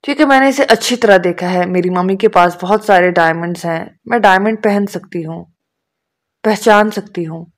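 A woman reading the lines of a serious young woman who speaks softly and gently but firmly. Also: medium pitch, close to an everyday voice. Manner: serious, soft-spoken.

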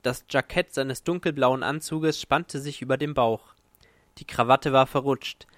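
Brief: male audiobook narrator, dry booth sound, middle pitch, slows for suspense. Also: fairly even intonation, fairly bright tone, dry recording. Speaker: audiobook reader.

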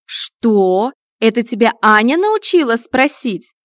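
A woman voicing a fussy, indignant middle-aged mother-in-law who talks loudly and pointedly. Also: normal speed, no room sound, studio quality, lightly acted. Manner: high, loud and indignant.

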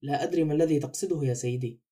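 Male narrator as a wary, guarded housemaid, mellow and brisk. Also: on the high side, natural voice. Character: reserved, wary woman housemaid.

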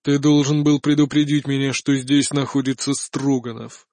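A man voicing an arrogant young male usurper prince who shouts loudly and brashly. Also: mid-range voice, little pitch movement, normal speed, no echo, close to an everyday voice. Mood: angry.

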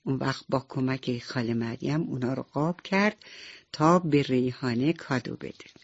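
A woman narrating a radio bedtime story, speaking directly and warmly to the children listening. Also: a bass voice. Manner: warm, addresses children directly. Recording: slightly dull radio recording, soft music behind.

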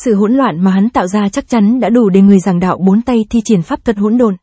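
A woman narrates a fantasy audiobook in an even, steady read. Her voice is mellow and warm with a husky, breathy edge, and the recording is dry and close with no room sound. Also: medium pitch, brisk, no room sound. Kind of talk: scripted narration.

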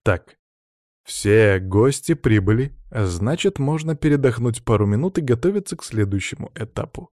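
A man narrating an audiobook in a measured, even way. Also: mid-range voice, no echo, studio quality. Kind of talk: audiobook reading.

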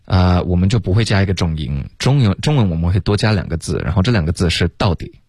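A man co-hosting a radio English lesson, explaining pronunciation and slowly repeating English words. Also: deep voice, lively intonation, a little mellow, dry recording. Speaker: English teacher co-host.

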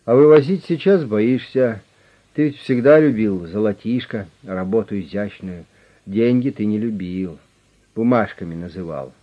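A man voicing a calm but pushy male negotiator with an official manner who talks steadily and insistently. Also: lowish voice, measured pace. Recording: dull lo-fi recording.

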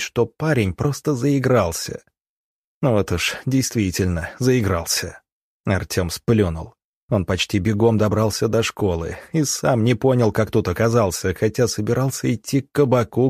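Low husky male audiobook narrator. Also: moderate pace, a little mellow, no echo, studio quality. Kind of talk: scripted narration.

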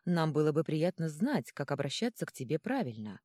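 A woman voicing a calm, reasoned and very polite male pack leader in a storybook. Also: low voice, fairly quick, no echo, studio quality. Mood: courteous. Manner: calm, courteous.

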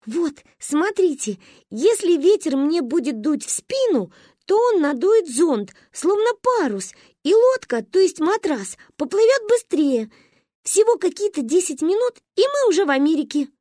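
A woman voicing a bold, stubborn little girl who squeals and wails loudly in an audiobook story. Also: very high-pitched, very animated, a little slow, dry recording, clean studio sound, pitched above the performer's own voice, exaggerated voice. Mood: boastful. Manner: squealing, wailing.

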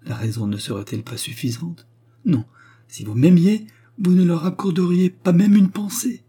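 A man voicing a distressed, tearful young woman in her twenties, pleading and gentle. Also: a little high, animated, normal speed, slightly rough, voice pushed up. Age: 20s.

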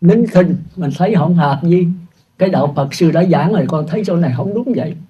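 A man's voice: fairly high pitch, fairly quick, warm tone, breathy edge. An older man, a Buddhist monk, giving a chatty, self-mocking dharma talk and laughing at his own jokes. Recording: dull lo-fi recording.

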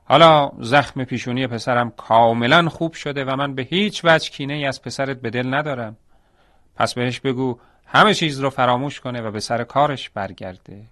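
A man's voice: mid-range voice, a bit bright, no echo, studio quality, lightly acted. A man voicing a vengeful village landlord. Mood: falsely kind.

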